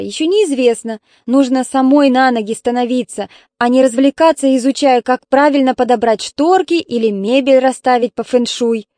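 A woman voicing a tired, sharp-tongued elder daughter, sarcastic and exasperated, in an audiobook reading. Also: high voice, no echo, studio quality, pitched above the performer's own voice, natural voice.

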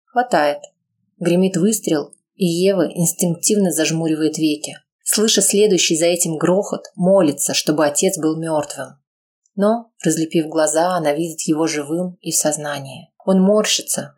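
A woman reading a tense audiobook aloud in a steady, dramatic narration. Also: deep voice, moderate pace.

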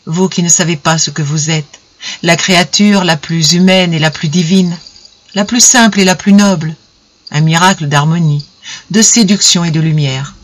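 A man's voice: a little high, normal speed, fairly bright tone. A reader voicing an earnest young man in love, speaking in a pleading tone.

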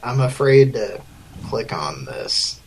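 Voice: medium pitch, sing-song, slow, creaky, husky, low-quality recording. A podcast co-host in casual chat, making dry absurd jokes. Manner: dry jokey, absurd bits.

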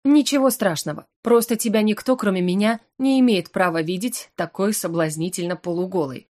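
A woman's voice: mid-range voice, fairly quick, darkish tone, lightly acted. Woman reading as a purring incubus professor. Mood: teasing. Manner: purring, playfully teasing. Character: teasing seductive male incubus professor.

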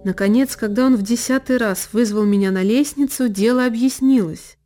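Woman reading an old novel aloud, fairly high voice, long echoey tail, quiet violin underneath. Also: normal speed. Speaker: audiobook narrator. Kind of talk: scripted literary narration. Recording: long reverb, faint violin music behind.

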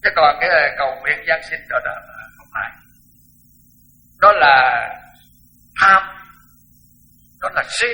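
A man's voice: high-pitched, bright, forceful tone, rough recording. An older man, a Buddhist monk, giving a frank, blunt dharma talk and repeating words for emphasis.

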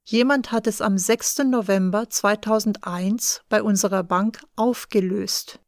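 A woman's voice: medium pitch, steady tone, measured pace, no room sound, studio quality, natural voice. A woman reading the lines of a cool, wary bank clerk in an audiobook, matter-of-fact.

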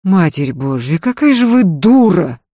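A man's voice: high-pitched, big pitch swings, measured pace, mellow, dry recording, heavily acted. Man playing a curt, scornful husband. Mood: weary scornful. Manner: curt and scornful, speaking through his teeth. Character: gruff, contemptuous husband, a weary nobleman.

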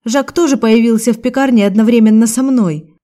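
A woman's voice: on the high side, a little fast, mellow, voice pushed up, close to an everyday voice. A woman voicing a desperate accused young woman. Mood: desperate pleading. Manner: pleading, raised, tearful.

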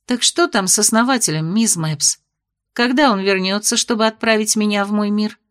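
A woman's voice: medium pitch, moderate pace, fairly bright tone, lightly acted. Woman voicing an anxious young student. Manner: anxious, grumbling. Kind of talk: audiobook character reading.

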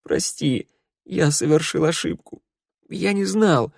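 A man's voice: a little high, slow, vocal fry, no room sound, voice pushed up, heavily acted. A man reading an audiobook and voicing a young male undead who sobs and pleads, full of guilt, in a dry close recording. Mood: sobbing pleading. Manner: sobbing, broken pleading.

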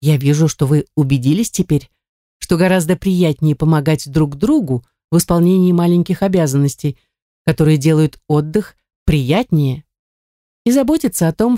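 A calm, wise mother of four girls, as a woman reader voices her, speaking in a patient, instructive way. Her voice sits fairly low and mellow. The recording is dry and close. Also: dry recording, close to an everyday voice. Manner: gentle, instructive.

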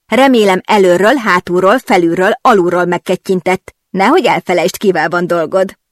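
A woman's voice: on the low side, dry recording, clean studio sound, close to an everyday voice. A woman voicing a carefree, blunt young woman friend who gossips and teases. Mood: bossy teasing. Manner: blunt, giddy and teasing.

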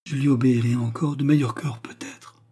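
A shy young woman, gentle and obedient, speaking softly and hesitantly, as a male reader puts her on. The voice stays mellow and a little husky, barely changed from the reader's own. It is classic audiobook storytelling. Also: mid-range voice, steady tone, brisk, pitched above the performer's own voice, close to an everyday voice. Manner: soft, hesitant.

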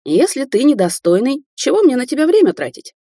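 Tiny ancient forest crone, grumpy and sharp-tongued, with a high, dry, grating voice, read by a woman. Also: very animated, a little fast, no echo, exaggerated voice. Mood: scolding. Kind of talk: audiobook character reading.

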